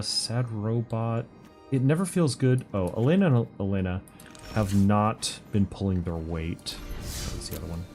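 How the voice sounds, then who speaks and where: A man's voice: on the low side, a little mellow. A man streaming a game with casual live commentary, thinking aloud in muttered fragments. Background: game music.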